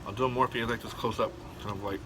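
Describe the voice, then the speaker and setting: A man's voice: on the low side, fairly even intonation, racing. Man eating crunchy fried chicken, noisy recording. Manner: eating crunchy fried chicken while talking, smacking, with savoring mms. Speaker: mukbang host. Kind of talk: casual eating chat to camera.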